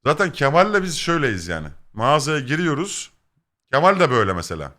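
Animated young man telling stories. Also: on the high side, fast talker. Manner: animated, swearing, acts out quoted exchanges. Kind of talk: casual storytelling to chat.

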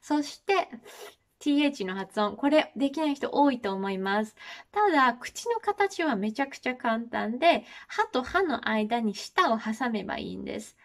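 A woman's voice: a little high, expressive, moderate pace. A Japanese woman in her thirties giving a video lesson on English pronunciation, explaining politely and encouragingly as she demonstrates sounds. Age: 30s.

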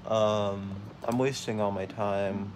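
A young man hosts a let's play, chatting casually over a video game in a fairly low voice at a slow pace. He gets excitable, yelping and laughing whenever things go wrong for him, with noise in the background.

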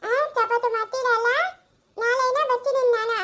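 Woman voicing a squeaky, very high silly boy, chirpy and simple, noisy home recording. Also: little pitch movement, normal speed.

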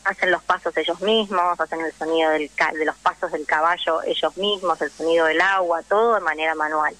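On a low-quality recording, a young actress and drama teacher with a Rioplatense Argentine accent talks on the radio, emphatic and conversational, regularly checking in with whoever she's addressing. Her voice sits low and steady, fairly quick and a bit bright.

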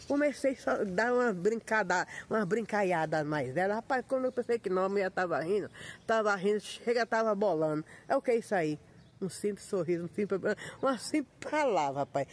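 A woman, a content creator giving her followers a lively, folksy motivational talk full of sudden pitch jumps.

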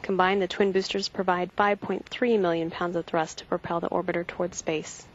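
A woman giving measured, factual live launch commentary from mission control. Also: lowish voice, level tone. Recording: dull broadcast feed, faint noise.

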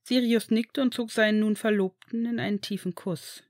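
A woman's voice: on the high side, steady tone, normal speed, a little mellow, no room sound. Woman reading a story aloud, dry sound. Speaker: fanfiction reader.

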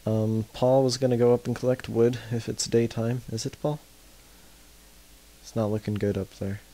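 A man's voice: mid-range voice, level tone, moderate pace. A young man hosting a casual gameplay video, loose and swearing now and then. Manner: loose, swears and shouts off-mic at family. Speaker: gaming channel host.

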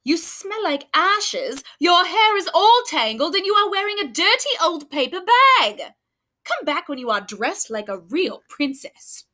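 A snooty, vain young prince, as a woman puts him on. He scolds haughtily, in a bright voice that rises and falls widely. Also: very high-pitched, very animated, measured pace, voice pushed up, full character voice. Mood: haughty.

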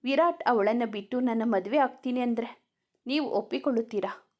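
A jealous, desperate young woman pleading her case, with a somewhat high voice, as read by a woman narrator. The voice stays plain and close to the storyteller's. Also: a little fast, highs cut off, natural voice.

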